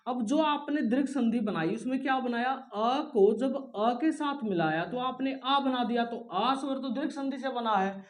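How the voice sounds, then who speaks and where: A man teaching a lesson who explains step by step, asks questions and answers them himself, and stretches sounds slowly to show how they are said. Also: extremely high pitch. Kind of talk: classroom lesson.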